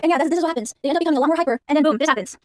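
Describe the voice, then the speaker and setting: Fast-talking young woman rambling about a movie. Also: high voice, music in the background. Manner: rambling, lots of fillers, restarts. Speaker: movie reaction vlogger. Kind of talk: casual movie commentary.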